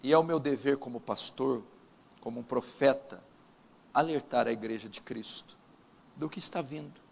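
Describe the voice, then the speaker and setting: A man with a Brazilian Portuguese accent, a pastor praying and preaching at a church service, solemn and emphatic with drawn-out pauses. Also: mid-range voice, creaky, big-room sound. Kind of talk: sermon with opening prayer.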